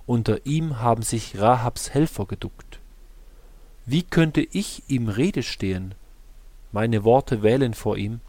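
Slow, solemn male Bible reader. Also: fairly low pitch, a little mellow, no echo. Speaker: scripture reader. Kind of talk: scripted Bible reading.

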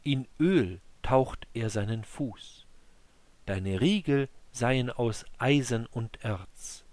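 A man reads scripture as an audiobook narrator, in an unhurried, solemn recitation. His pitch sits in an ordinary middle range, and he takes his time over each phrase. The sound is close and dry, with no room around it. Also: darkish tone, dry recording. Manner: slow, measured, solemn recitation.

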